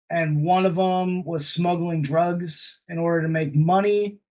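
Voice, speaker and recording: A man's voice: a little high, muffled recording. A man co-hosting a casual film review chat over a video call, recapping plots in a meandering way with many fillers. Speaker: podcast co-host reviewing films.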